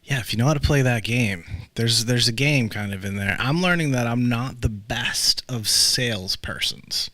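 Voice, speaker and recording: A man's voice: mid-range voice, normal speed, few pauses, pushed and bright, no room sound. A man hosting a podcast interview, chatting loosely with lots of fillers and restarts. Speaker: podcast host.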